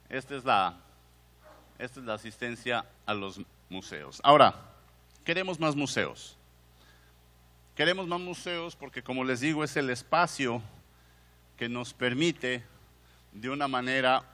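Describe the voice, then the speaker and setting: Speaking in a long, reverberant hall, a male museum director with a Mexican Spanish accent delivers a conference talk in a conversational way. He questions the audience and frequently starts phrases over, his mid-range voice sounding pushed and bright.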